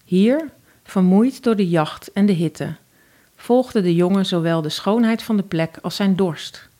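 A woman with a Dutch accent narrating a fairy tale in a calm, even storytelling voice. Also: medium pitch, measured pace.

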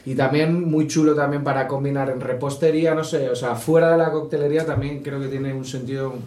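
Un hombre de una empresa de bebidas que presenta su catálogo de forma relajada y con muchas muletillas. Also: male voice, mid-range voice, a little fast. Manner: relaxed, listing products, many fillers. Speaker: drinks company representative. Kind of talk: casual chat. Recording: roomy office.

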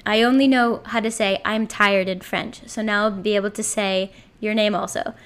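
A woman hosting a casual chat over a video call, bubbly and quick to giggle. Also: mid-range voice, steady tone, a bit bright, smooth. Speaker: podcast host.

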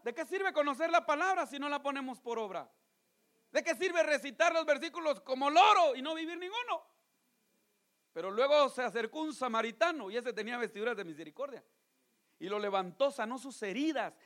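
A man preaching a sermon, moving between loud pleading appeals and hushed asides, often calling his listeners brother. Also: very high voice. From Guatemala.

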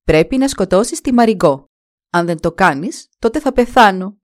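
A woman's voice: mid-range voice, animated, close to an everyday voice. A woman voicing a cruel, jealous stepmother queen who gives insistent commands. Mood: demanding.

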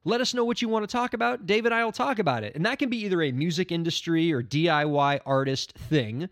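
A man's voice: fairly high pitch, fast talker, no echo, studio quality. A man in his thirties hosting a podcast on his own, chatting casually and rambling in a self-mocking way. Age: 30s. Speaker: podcast host. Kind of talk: casual solo podcast talk.

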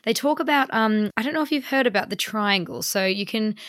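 A woman's voice: fairly high pitch, a little fast, fairly bright tone, no room sound, studio quality. A young British woman hosting a casual chat, asking questions and chiming in. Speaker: host.

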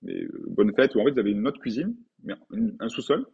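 With a medium pitch that swings widely, vocal fry, and a husky edge, this painter from France talks fairly quickly as a guest. The forties-aged man muses hesitantly, restarting often and using many fillers, on a lo-fi recording.

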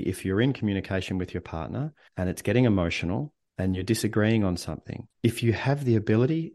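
A man coaching on leadership as a podcast guest, speaking in a calm, reflective, earnest way. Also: fairly low pitch. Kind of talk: casual podcast interview.

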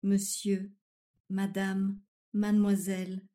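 Woman acting super slow polite lady who never gets it, mellow low-ish tone. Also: completely flat delivery, lightly acted. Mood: overly polite. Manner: formal, deliberate, fussy politeness. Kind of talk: surreal comic dialogue acting.

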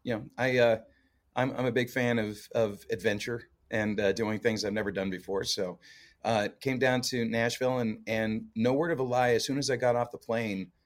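A man's voice: mid-range voice, fairly even intonation, moderate pace. A man who grew up in Canada, a guest musician chatting easygoingly with fillers and frequent laughs. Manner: easygoing, laughs often, many fillers and restarts. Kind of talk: casual interview chat.

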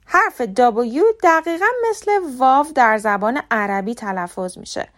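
A woman from Iran hosting a scripted podcast lesson on English pronunciation, speaking clearly and carefully and slowing down to spell out example words. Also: a little high, big pitch swings.

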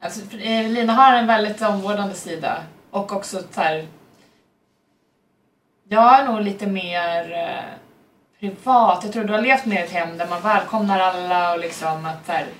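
Relaxed woman heard from across a room. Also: mid-range voice. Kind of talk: casual chat. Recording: roomy and distant with faint noise.

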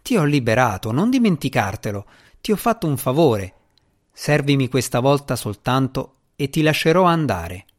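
A man's voice: medium pitch, very animated, normal speed, natural voice. A man voicing a determined, stern young woman in an audiobook, speaking firmly and urgently. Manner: firm, pressing delivery. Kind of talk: audiobook character reading.

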